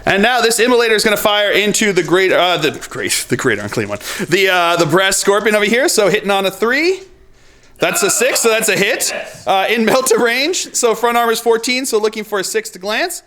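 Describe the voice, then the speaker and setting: A man hosting a tabletop wargame battle report, giving casual play-by-play of dice rolls. He gets excitable, laughing often and bursting into whoops. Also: sits high, fairly quick. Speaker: host and player.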